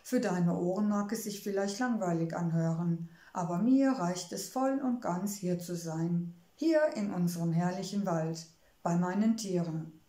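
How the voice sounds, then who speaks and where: Storybook gnome wife, read by a woman: kindly, homely, gentle, mellow tone, roomy echo. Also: on the low side, a little slow, lightly acted. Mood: wistful. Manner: gentle, wistful, soothing. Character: kindly motherly female gnome, homebody.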